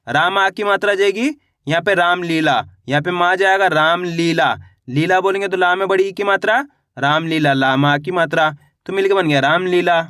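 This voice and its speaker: A man with a rather high voice teaches spelling step by step, repeating every word and answering his own questions. The sound is close and dry, with no room around it. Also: fairly bright tone, dry recording. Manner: repetitive call-and-response, asks and answers own questions. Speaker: Hindi teacher. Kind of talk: patient spelling lesson.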